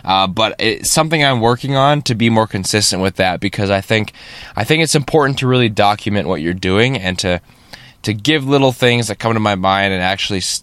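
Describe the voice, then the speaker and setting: A man's voice: on the low side, a bit bright, clean tone, no echo. A man hosting his own podcast in a casual, rambling way, his voice stuffy and nasal from a cold and often tagged with "right?". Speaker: podcast host. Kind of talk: casual solo podcast talk. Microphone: studio podcast microphone.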